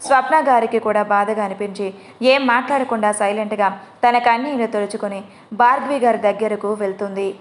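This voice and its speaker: A woman's voice: mid-range voice, a little fast. Woman narrating a storybook.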